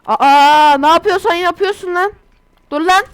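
A woman from Turkey giving casual, chatty commentary over her own gameplay, excitable and quick to burst into exasperated outbursts. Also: very high voice. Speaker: gaming YouTuber.

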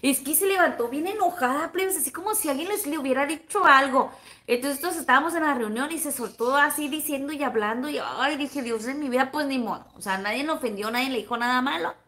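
High, bright-voiced Sonoran woman chatting live. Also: fast talker. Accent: Sonoran Mexican Spanish. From Sonora, Mexico. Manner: chatty and gossipy, calls viewers comadres and plebes. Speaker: livestream vlogger. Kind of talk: casual livestream chat reading viewer comments.

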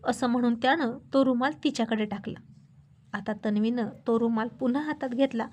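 A woman's voice: on the high side, brisk, darkish tone. A woman narrating a serialized romantic story and voicing the quarrels between its characters. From Maharashtra, India.

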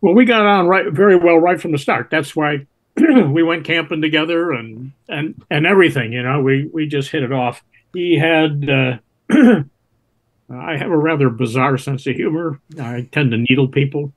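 A man in his seventies with an American accent, a retired Navy pilot reminiscing plainly and haltingly on a video call. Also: fairly high pitch. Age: 70s. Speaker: interview guest, retired Navy test pilot. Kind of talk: reminiscing in conversation. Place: home room indoors. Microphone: video call, computer microphone.

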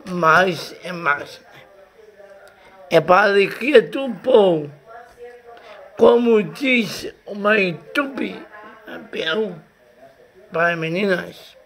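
A young man with a Brazilian Portuguese accent talks casually to his webcam. His delivery is very slow and halting, broken into short repeated bits. The voice carries a noticeable creak. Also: high voice, animated, a bit bright. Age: young adult. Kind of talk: casual homemade tongue-twister challenge. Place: small bedroom, indoors. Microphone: webcam or computer mic at close range.

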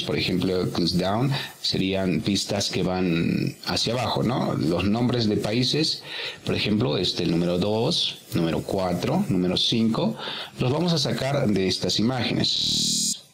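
A man's voice: sits low, very animated, measured pace, gravelly, a bit bright, slight background noise. A man teaching English, working through a workbook exercise step by step and patiently repeating each answer.

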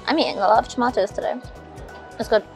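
A woman in her twenties, originally from the Caribbean and later living in England, talks quickly in a voice on the high side, with soft music in the background. She is an interview guest chatting casually and candidly over afternoon tea inside a spacious hotel lounge restaurant. A small recorder or phone sits close to her across the table.

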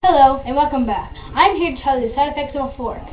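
A woman's voice: sits high, quick pace, faint music behind, lightly acted. A woman playing an infomercial presenter who recites a parody ad disclaimer list. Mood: matter-of-fact listing. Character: female infomercial presenter reciting absurd side effects. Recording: tinny phone-like sound, background noise.

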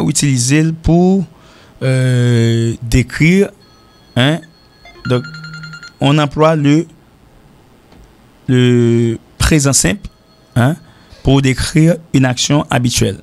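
A man with a Haitian accent giving a radio English lesson, explaining slowly and repeating himself, often checking in with "hein?" and "ok?". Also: mid-range voice, gravelly. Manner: mixes French with Creole. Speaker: English teacher. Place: radio studio.

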